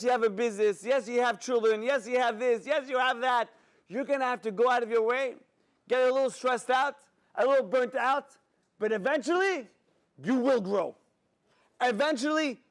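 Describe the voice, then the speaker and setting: A man giving a sermon as a rabbi, an animated storyteller who talks straight to his audience. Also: extremely high pitch. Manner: animated storyteller, acts out dialogue, addresses audience directly.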